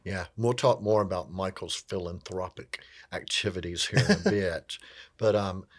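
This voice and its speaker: A man's voice: deep voice, normal speed. A man hosting an interview, asking his guest questions in a friendly, encouraging way. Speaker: host.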